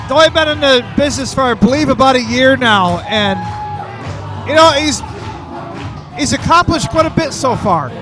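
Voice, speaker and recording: A man giving live wrestling match commentary in a projected, shouted delivery. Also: very high-pitched, lively intonation, moderate pace, pauses often, rough recording. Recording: loud music and crowd behind.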